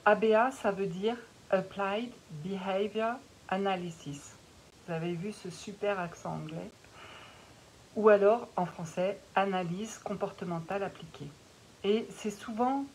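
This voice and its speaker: A middle-aged woman, a naturopath and life coach, talking to parents in a live stream she records on her phone, calm and measured, with many pauses and fillers. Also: mid-range voice, low-quality recording. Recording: faint hiss on a phone recording.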